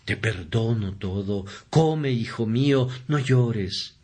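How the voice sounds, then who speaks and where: A man voicing a loving father who gently comforts his weeping son. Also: fairly low pitch, animated, takes it slowly, voice pushed down. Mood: tender.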